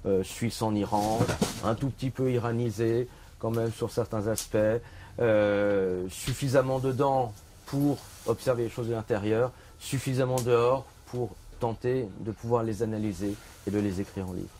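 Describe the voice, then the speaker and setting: A man's voice: fairly low pitch, fairly even intonation, normal speed, dark tone, slight background noise. A middle-aged man from Switzerland, an author presenting his book in a bookshop, talking with many fillers and restarts. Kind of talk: bookshop talk.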